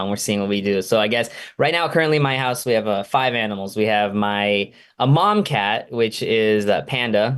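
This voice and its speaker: A man's voice: medium pitch, clean tone. Easygoing joking man guest. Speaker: band member guest. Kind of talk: casual interview chat. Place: home studio.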